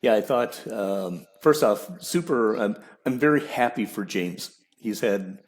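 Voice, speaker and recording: A man hosting a casual podcast chat, relaxed and hesitant, with many fillers. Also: lowish voice, measured pace. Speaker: podcast host.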